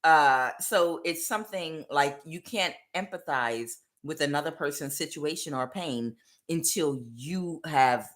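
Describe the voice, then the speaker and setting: A woman's voice: low-pitched, a little slow. A woman giving a rambling spiritual tarot reading, full of "uh" fillers and acted-out quotes. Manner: rambling, many "uh" fillers, acts out quoted voices. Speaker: tarot reader.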